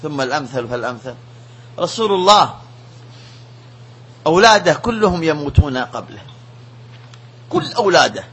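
Male sheikh, emphatic religious lesson, bright tense voice. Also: fairly high pitch, moderate pace, pauses often, slightly rough. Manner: emphatic, animated preaching.

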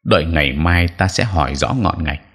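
A man voicing a stern old male exorcist who gives formal commands in a low voice. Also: moderate pace, creaky, a bit bright, exaggerated voice. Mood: urgent.

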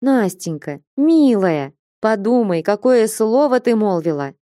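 A woman's voice: medium pitch, big pitch swings, a little slow, mellow, no room sound. Storybook role: evasive young man, dry and falsely sweet, read by a woman. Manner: dry, falsely tender, flustered.

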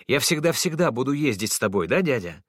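A man voicing a small boy who pleads in a high child's voice. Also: very animated, fairly quick, no echo, clean studio sound. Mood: eager. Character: small boy, eager then frightened and tearful.

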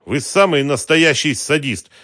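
A man's voice: fairly high pitch, animated, unhurried, pushed and bright, no echo, clean studio sound, pitched above the performer's own voice. A man doing a whining, sarcastic operator. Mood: weary sarcastic. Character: worn-out grumbling male computer operator. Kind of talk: audiobook character voice.

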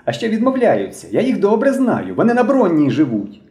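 A man voicing an excitable thin boy who leads a pioneer squad, shouting orders in a high voice in an audiobook reading. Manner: shouting fast, high-pitched, bossy. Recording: roomy echo.

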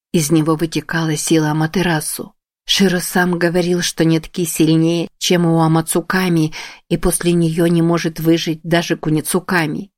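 Low-voiced woman narrating an audiobook. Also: a little mellow, dry recording, studio quality. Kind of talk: scripted narration.

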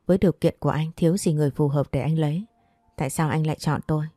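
A woman's voice: sits low, steady tone, racing, mellow, no echo, soft background music. A woman reading the lines of a shy, modest young bride in an audio story. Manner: shy, hesitant.

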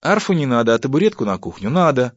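A man's voice: medium pitch, sing-song, fast, no room sound, voice pushed up. A man voicing an exasperated, indignant wife who pleads and argues with her stingy husband. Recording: dull, dry audiobook recording.

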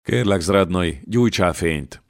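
Deep-voiced guy doing a gruff proud young fighter, curt, dry close sound. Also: expressive, no room sound. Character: young warrior, proud and shaken.

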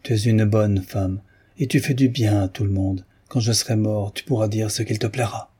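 A man reading the part of a gruff, dying old peasant confessing a crime he witnessed, in an audiobook. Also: lowish voice, steady tone, moderate pace, dark tone.

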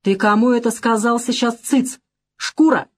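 A blunt, defiant young man with a thief's past, from an audiobook, read by a woman. He talks hard and slow, pressing each word, his tone raised. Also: on the high side, pitched above the performer's own voice. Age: young adult.

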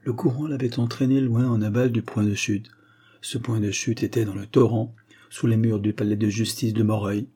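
A man narrating an audiobook spy novel in a steady, dramatic storytelling manner. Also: lowish voice, moderate pace, slightly rough.

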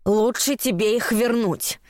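A woman voicing a spiteful, trembling old woman who hisses her words slowly and menacingly. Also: dry recording, clean studio sound, close to an everyday voice. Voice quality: hissing, slow and low.

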